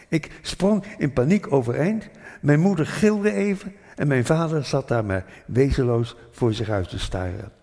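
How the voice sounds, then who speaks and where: Gravelly older man recalling the past. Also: mid-range voice, dark tone. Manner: thoughtful, unhurried, with hesitant fillers. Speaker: storyteller. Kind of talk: reflective spoken memoir. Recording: long hall reverb.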